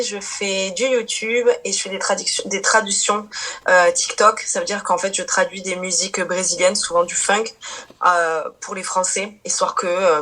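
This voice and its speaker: A woman's voice: medium pitch, a bit bright. Chatty woman in her thirties. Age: 30s. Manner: chatty, many fillers and restarts, laughs easily. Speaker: guest. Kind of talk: casual chat.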